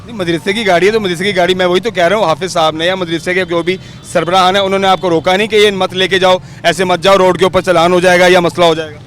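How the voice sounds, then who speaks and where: A male street reporter with a Pakistani Urdu accent presses people with probing questions beside a busy road. His voice sits high for a man, with faint traffic noise around him. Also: steady tone, fast talker, few pauses, a bit bright. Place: roadside outdoors in city traffic.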